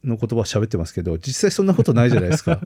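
A man's voice: mid-range voice, sing-song, racing, dark tone, husky, no room sound, studio quality. A man co-hosting a casual tech podcast, laughing often and telling stories with animation. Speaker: podcast co-host.

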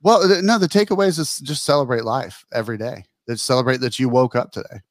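A man's voice: medium pitch, fast talker, no echo. Chatty middle-aged man, dry sound. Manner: rambling, laughs while telling stories. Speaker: podcast co-host. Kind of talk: casual chat.

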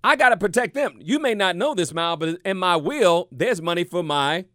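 A middle-aged man hosting a radio talk show, speaking in a lively, conversational way and repeating his points for emphasis. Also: high voice, moderate pace, no room sound, clean studio sound. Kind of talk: casual radio talk monologue. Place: radio studio.

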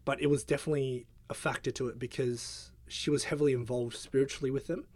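A man's voice: medium pitch, fairly even intonation, quick pace, no echo. A young man, a guest in a casual interview, talking hesitantly with lots of fillers. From Australia. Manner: hesitant, filler-heavy, soft-spoken.

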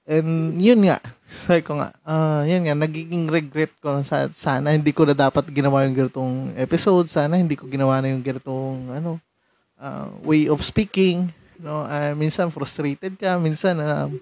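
In a dry recording, a young man speaks at a moderate pace with a slightly high, darkish voice and fairly even intonation. He hosts his own podcast from San Mateo, Rizal, Philippines, keeping it casual, laughing often, and alternating between Tagalog and English.

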